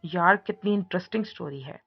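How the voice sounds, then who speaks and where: A woman voicing an excitable young woman friend who asks eager, curious questions. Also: on the low side, fairly quick, creaky, breathy edge. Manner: eager, inquisitive. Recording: muffled recording with soft music.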